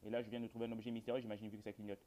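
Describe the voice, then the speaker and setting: Over very noisy audio, a lowish male voice races along with a flat delivery. This gamer narrates a horror game for his viewers, rambling casually in colloquial speech and cracking deadpan jokes.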